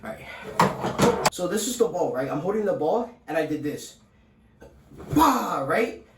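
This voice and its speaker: A man's voice: a little high, big pitch swings, unhurried, very noisy. A young man telling a rambling school story to his phone, full of fillers, restarts and swearing.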